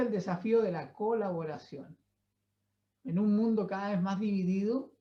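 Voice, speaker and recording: A woman giving a Bible teaching sermon at a church, in a measured, reflective way, often checking in with tag questions and pauses. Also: lowish voice. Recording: slightly dull, muffled recording.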